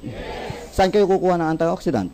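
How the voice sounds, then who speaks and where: A man's voice: sits high, lively intonation, normal speed, warm tone, a little hiss or hum, poor audio. A man with a Filipino accent giving a live health product presentation, asking the audience questions, answering them himself and joking with them. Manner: jokes and laughs with the audience.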